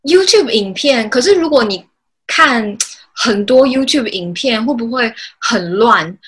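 A woman's voice: on the high side, lively intonation, unhurried, fairly bright tone. A woman from Taiwan with a Taiwanese Mandarin accent, hosting a casual interview as a language teacher. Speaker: podcast host, Mandarin teacher.

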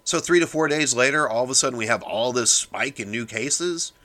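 A man's voice: medium pitch, a little fast, bright, forceful tone. Fired-up man lecturing his podcast audience. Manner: fired-up, lecturing, keeps addressing listeners as "people". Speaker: podcast host. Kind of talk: opinion monologue.

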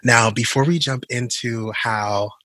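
A man's voice: mid-range voice, steady tone, pushed and bright, dry recording. A young man hosting a podcast in casual chat, teasing his guest and laughing often. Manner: playful teasing, quick laughs. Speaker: podcast host.

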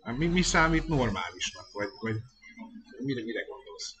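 Bright-voiced man reading viewer questions. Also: mid-range voice, very animated, faint music behind. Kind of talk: casual car-show chat.

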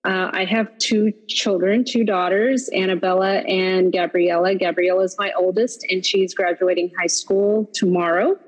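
A woman who lives in Texas, a psychologist guest on a podcast, introducing herself haltingly with many ums. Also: mid-range voice, steady tone, breathy edge, low-quality recording. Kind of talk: casual podcast chat.

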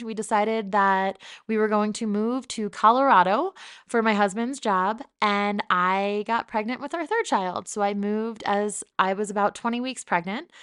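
A woman's voice: medium pitch, fairly bright tone, clear, resonant tone. A woman in her thirties from New Jersey, hosting her own podcast in a chatty, upbeat and candid solo monologue. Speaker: podcast host.

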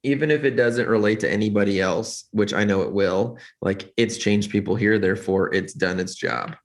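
Low-voiced rambling man. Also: moderate pace. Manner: rambling, earnest, many restarts and fillers. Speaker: church lighting director, guest. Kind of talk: casual podcast interview.

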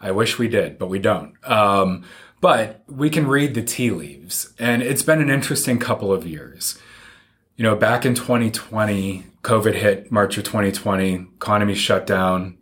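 A man's voice: lowish voice, moderate pace, a bit bright. A man giving plain-spoken, conversational explanations as a financial advisor being interviewed.

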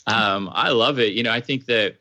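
Bright-voiced male podcast host. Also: mid-range voice, normal speed, no echo. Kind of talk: conversational interview.

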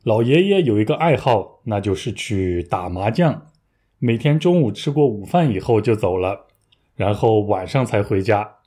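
A young man giving a scripted language lesson, explaining patiently and clearly with playful asides. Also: fairly low pitch, lively intonation, moderate pace, dark tone. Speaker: Chinese language teacher.

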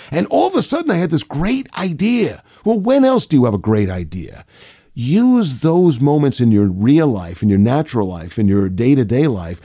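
A man giving a motivational lesson on pitching, acting out his examples. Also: no room sound, studio quality. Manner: animated, acts out examples with big pitch jumps. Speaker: communication coach. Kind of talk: motivational talk on delivering a pitch.

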